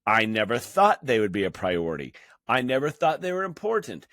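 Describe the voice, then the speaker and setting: A man in his fifties who hosts a fitness channel talks to camera about personal matters, earnest yet halting, with frequent restarts and fillers. His mid-range voice is sing-song and fairly bright, captured in clean, echo-free studio sound.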